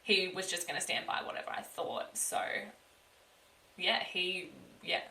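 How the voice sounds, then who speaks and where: A woman's voice: on the low side, little pitch movement, measured pace, vocal fry, sharp tone, recorded from a distance, a little hiss or hum. A woman in her twenties co-hosting a podcast in casual, chatty talk full of fillers and restarts. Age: 20s. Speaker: podcast co-host. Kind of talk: casual chat. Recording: roomy, off-mic sound.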